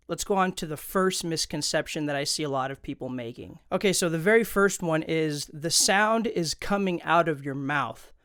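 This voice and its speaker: This tutorial host is a man with a fairly high, fairly bright voice and a clean tone, recorded with no echo. He explains things informally and conversationally for an instructional video, speaking into a close studio condenser microphone.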